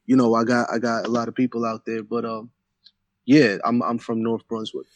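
A man's voice: medium pitch, flat delivery, moderate pace, no room sound. Laid-back man, dry close sound. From Central New Jersey. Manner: loose, laid-back, lots of "you know what I'm saying". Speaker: guest battle rapper. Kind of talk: casual interview chat.

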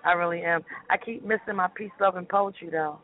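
A woman's voice: on the low side, brisk. A woman calling in over the phone from a train, chatty and effusive. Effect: over the phone, speakerphone. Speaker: call-in guest, singer. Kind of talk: casual chat. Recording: tinny phone line with faint noise.

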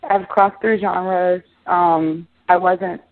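A woman from Israel talks in a low-set voice over a tinny, phone-like line. She rambles casually as an interview guest, with many restarts and fillers. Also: flat delivery, takes it slowly. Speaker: musician guest.

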